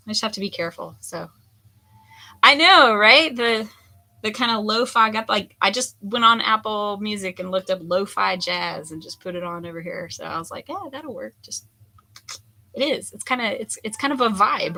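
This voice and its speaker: A hoarse woman in her forties, a potter chatting candidly while she throws clay at the wheel. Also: mid-range voice, lively intonation, moderate pace, pushed and bright. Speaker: potter streaming a throwing session. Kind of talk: casual chat while working. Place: pottery studio with lo-fi music on.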